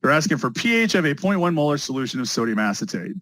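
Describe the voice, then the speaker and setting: Lively, energetic man teaching a class. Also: on the high side, quick pace, no room sound, poor audio. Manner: energetic, talks to students with repeated phrases. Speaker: test prep instructor. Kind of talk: live online class lecture.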